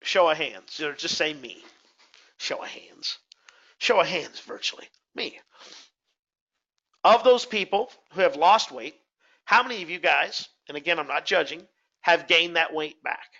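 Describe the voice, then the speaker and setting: A man's voice: on the high side, lively intonation, moderate pace, pushed and bright, muffled recording. A man hosting a motivational webinar, talking conversationally and putting direct questions to his audience. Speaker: webinar host.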